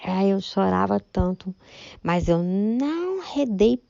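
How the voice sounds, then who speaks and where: Gravelly woman giving testimony. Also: mid-range voice, big pitch swings, takes it slowly, dark tone, no echo, dull audio. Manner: chatty, emotional storytelling, often asks her listeners "right?". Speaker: church member giving testimony. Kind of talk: spoken religious testimony.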